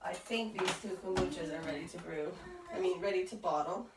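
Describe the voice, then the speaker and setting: A woman's voice: on the low side, heavy background noise. A woman in her thirties, slightly out of breath, rambling in a casual chat while she cleans her kitchen. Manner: unhurried, meandering, many ums. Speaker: vlogger. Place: home kitchen. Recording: roomy, far from the mic, loud kitchen clatter. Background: clattering dishes and cutlery.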